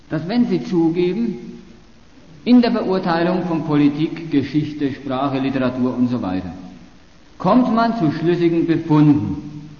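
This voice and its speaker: A man's voice: fairly high pitch, reverberant, in a large hall, dull audio. A man giving a polemical university lecture, arguing sarcastically and often restarting his phrases.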